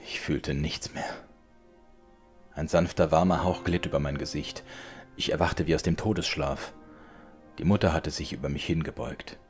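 A man reading a classic tale aloud as an audiobook, in a measured, dramatic way. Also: a bass voice, faint music behind. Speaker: audiobook reader. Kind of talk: scripted literary narration.

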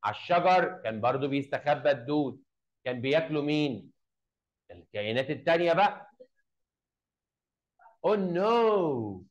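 An Egyptian man teaching English, reading a story aloud slowly, then explaining it in Arabic and quizzing his pupils. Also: a little high, highs cut off.

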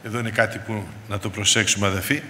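A man's voice: lowish voice, fairly even intonation, bright, forceful tone. Fervent preacher man in an echoing hall. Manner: fervent, repeatedly addressing the congregation as brothers. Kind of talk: sermon. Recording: reverberant hall with faint background noise.

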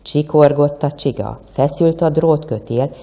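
A woman museum educator telling a children's tale in a lively, lilting way. Her voice sits low with a gravelly, dark tone. The recording carries the long reverb of a museum room. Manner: expressive, lilting storyteller. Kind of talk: storytelling for children.

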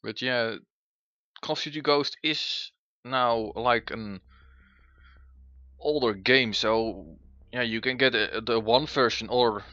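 Bright-voiced man, casual gaming commentary. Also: medium pitch, slow, no room sound. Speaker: gaming host. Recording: dull, band-limited mic over music.

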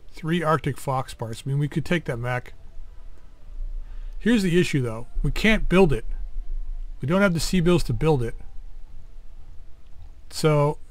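A man's voice: fairly high pitch, no echo. A man giving casual commentary over a strategy game, thinking aloud as he sorts through menus. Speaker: let's play host.

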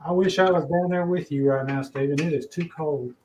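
A man's voice: on the high side, fairly even intonation, fairly quick, warm tone, slight background noise, low-quality recording. A man hosting a casual cooking livestream, talking easily while he cooks. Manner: easygoing, talks while cooking. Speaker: cooking show host.

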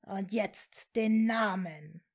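A woman voicing an evil male dark wizard who talks in a cold, mocking, hissing way. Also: medium pitch, steady tone. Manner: slow, scornful, hissing.

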